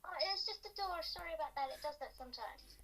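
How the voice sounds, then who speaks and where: A woman's voice: high-pitched, expressive, fast talker, a bit bright, a little hiss or hum. A young woman gamer playing in character, reassuring her friend in a flustered, playful way. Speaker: gamer and co-host called [name]. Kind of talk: playful role-play gaming chat.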